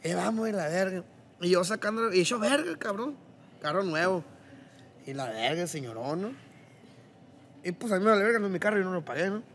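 A man's voice: sits high, lively intonation, a little fast, pauses often, a bit bright, a little hiss or hum. A young man, telling a rambling, profane story in casual podcast chat. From Mexico. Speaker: podcast guest.

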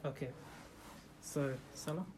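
Over a noisy background, a speaker with a medium-pitched voice talks slowly to a small gathering in a room. As leader of the group's informal religious talk, they ask rhetorical questions and often begin sentences over.

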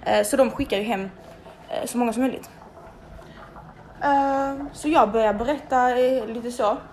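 A young woman telling a story in casual, animated speech, swearing freely and acting out the people she quotes. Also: a little high, slight background noise.

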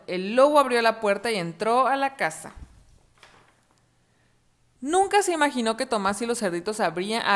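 A woman reading a story aloud to children in a gentle, expressive way and asking them questions. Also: fairly high pitch.

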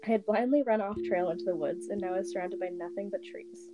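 A woman reading a horror story aloud and reacting with a friend, over soft guitar music. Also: mid-range voice, fast talker. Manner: reads steadily, with fillers and laughs between passages. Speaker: story reader.

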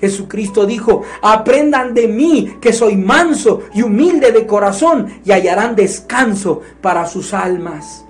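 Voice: medium pitch, lively intonation, measured pace, hardly any pauses, faint music behind. A preacher giving a sermon in an earnest, emphatic way, often asking the listeners questions.

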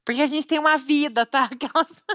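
A woman's voice: high-pitched, steady tone, brisk, fairly bright tone, no echo, clean studio sound. A young woman co-hosting a podcast, chatting casually, laughing often and using slang. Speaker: podcast co-host. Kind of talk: casual chat.

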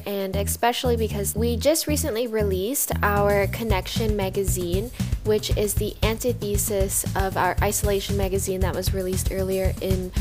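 A young woman from Canada hosting a student podcast, speaking earnestly with frequent ums. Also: mid-range voice. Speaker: podcast host. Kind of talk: scripted podcast introduction.

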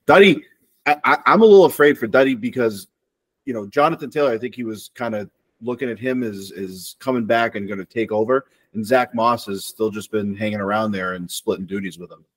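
A man's voice: on the low side, husky, dry recording. A man in a casual chat among friends who talks at length and rambles through his analysis. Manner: long-winded, rambling analysis. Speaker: podcast co-host.

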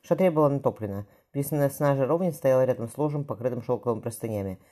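An audiobook reader narrating a historical novel in a steady storytelling manner. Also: female voice, extremely low pitch, fast talker.

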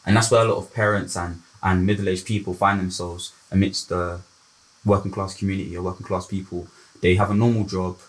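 A low-voiced man with a London roadman accent talks quickly in a casual group chat. He is earnest and wordy, winding through long reflective explanations in urban street slang. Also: little pitch movement, rough recording. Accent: London, urban multicultural street slang.

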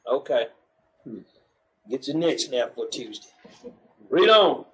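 A man with a medium-pitched, sing-song voice talks slowly on a rough recording. Preaching in the street, he mocks churchgoers and calls for the next verse to be read aloud.

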